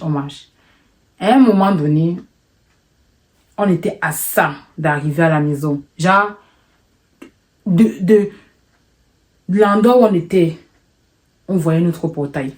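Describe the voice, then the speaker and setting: A young woman with a slightly low voice tells a personal story in a casual storytime vlog. She talks in an animated, emotional way and repeats words to build tension. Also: slow, long pauses.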